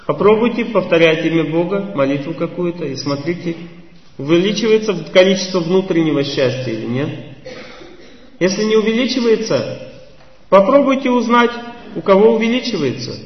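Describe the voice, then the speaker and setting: Man, high voice, spiritual lecturer; measured and teacherly; heard from a distance in a reverberant hall. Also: animated. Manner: measured, teacherly, rhetorical questions to the audience. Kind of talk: religious lecture. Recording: echoey hall, voice from afar, muffled.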